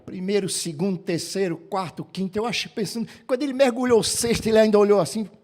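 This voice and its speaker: High-voiced, lively Brazilian pastor. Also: male voice, fast. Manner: lively, acts out the characters' voices in the story. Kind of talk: storytelling sermon. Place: church.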